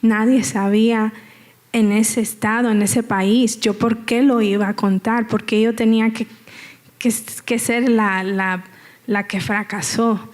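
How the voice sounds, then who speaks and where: Giving her church testimony as a guest speaker, a woman talks in a fairly high, level voice without hurrying. Her personal story comes out conversationally, with repeated phrases and frequent check-ins with listeners.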